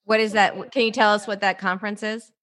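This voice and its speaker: A woman's voice: mid-range voice, little pitch movement, fairly quick, a bit bright. A woman hosting a podcast interview over a video call, chatty and improvising. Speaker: podcast host.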